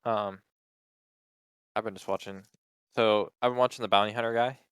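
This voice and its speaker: A man with a low, smooth, resonant voice rambles through a story in casual podcast chat. He acts out other people's lines and swears freely. The sound is close and dry, with no room around it. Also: steady tone, normal speed, a bit bright, no room sound. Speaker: podcast co-host.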